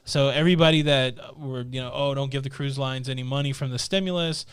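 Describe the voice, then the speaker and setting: In a small studio set against a purple backdrop, a middle-aged Midwestern man co-hosts a live stream, casually chatting and reading viewer comments aloud through a boom-arm studio mic. He talks a little fast in a clean, mid-range voice with fairly even intonation and no echo.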